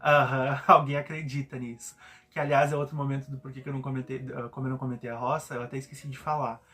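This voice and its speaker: A man's voice: mid-range voice, level tone, racing, faint music behind. A young man with a Brazilian Portuguese accent, a show host giving casual, opinionated commentary in an indignant, sarcastic way.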